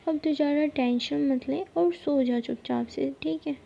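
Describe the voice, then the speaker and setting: A woman's voice: high-pitched, creaky, mellow. A woman voicing Nosheen, a teasing, easygoing young friend, in whispered role-play. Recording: dull lo-fi recording.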